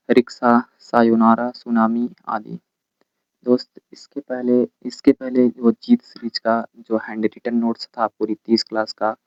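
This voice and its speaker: A man teaching an exam coaching lesson, rapidly reading out word lists and pointing out the correct spellings. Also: mid-range voice, no echo, muffled recording.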